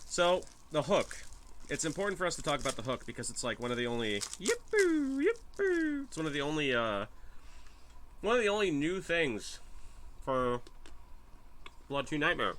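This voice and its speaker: A man's voice: medium pitch, animated, fairly quick, fairly bright tone. A man about thirty streaming a game from home, rambling and wry, swearing now and then as he reads chat. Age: 30s. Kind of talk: casual live-stream commentary.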